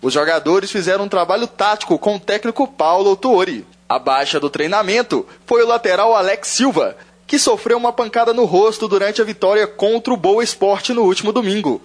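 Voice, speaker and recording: A radio reporter, a man with a notably high voice, reads a prepared sports report. His delivery is steady and scripted, each sentence evenly paced. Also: a little fast. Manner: crisp, even reading of a prepared report.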